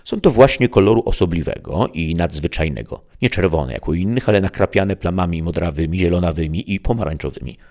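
A man's voice: low voice, expressive, a little fast, hardly any pauses, darkish tone. A man putting on a meek rambling peasant. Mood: earnest. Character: simple, long-winded village peasant, male, middle-aged.

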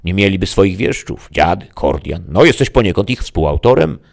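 A man's voice: deep voice, animated, gravelly. Man doing Mefisto, a sly mocking devil. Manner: fast teasing banter. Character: sly chatty male devil guide, mocking.

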